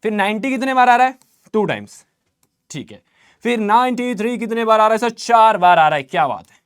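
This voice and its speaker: A young man with an Indian accent teaching an online maths revision lesson, chatty and energetic, asking questions and answering them himself. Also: high-pitched, fairly quick, clear, resonant tone.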